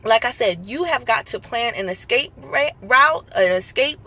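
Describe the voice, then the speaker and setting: This motivational host, a woman speaking with a Southern American accent, runs a laid-back live stream full of emphatic encouragement, circling back to her points and acting out short phone conversations. She sounds animated and sharp, pitched on the high side, at a moderate speed.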